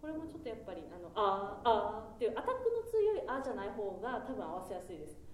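A woman's voice: sing-song, fast, slight background noise. Woman coaching a choir, singing examples. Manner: demonstrates pitches by singing; polite, encouraging corrections. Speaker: choir conductor. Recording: roomy rehearsal hall, mic far off.

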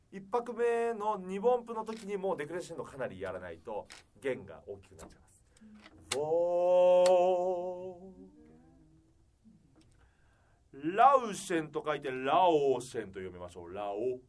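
A male vocal coach explaining diction to singers. His pitch moves a lot as he talks, and he breaks into sung, drawn-out vowels to show each sound. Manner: lively, demonstrates sounds by singing and drawn-out vowels. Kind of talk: singing lesson on German diction.

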